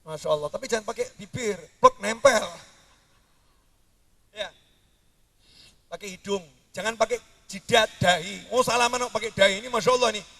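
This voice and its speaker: A man preaching a sermon, jumping between high outbursts and low mutters. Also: a little fast, gravelly, bright, forceful tone, far from the mic.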